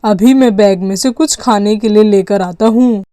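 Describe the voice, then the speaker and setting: A woman voicing a playful, always-hungry little boy in a doll story, talking in an eager, excitable way. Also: medium pitch, normal speed, no echo, clean studio sound, lightly acted. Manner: eager, excitable kid talk. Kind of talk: doll story role-play.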